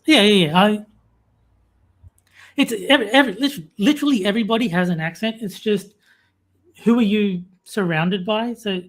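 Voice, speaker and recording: An Australian woman co-hosts a laid-back talk stream, reading viewer comments out loud in a chatty way packed with fillers. Her voice sits in the middle range, moving at an ordinary speed with long pauses.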